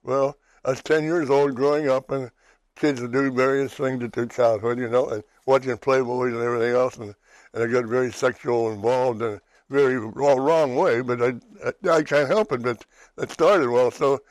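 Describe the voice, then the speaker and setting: A man's voice: medium pitch, steady tone, normal speed, no room sound, low-quality recording. Rambling male talk show host. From western Pennsylvania, USA. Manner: rambling, restarts, keeps asking "right?". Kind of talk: personal testimony chat.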